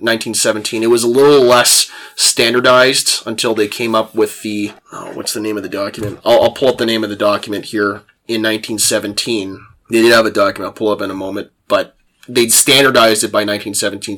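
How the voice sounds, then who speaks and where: A man's voice: on the low side, fairly bright tone. A man in a casual, explanatory discussion of history, often repeating and rephrasing his points as he goes.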